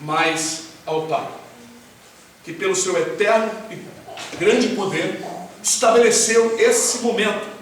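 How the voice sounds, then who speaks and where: A man's voice: sits high, slow, long pauses. Guy preaching, quizzes his church, faint hiss, distant mic. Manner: conversational preaching, quizzing the congregation. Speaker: pastor. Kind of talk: sermon. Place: church hall with congregation. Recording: very echoey hall, voice far off, faint hiss.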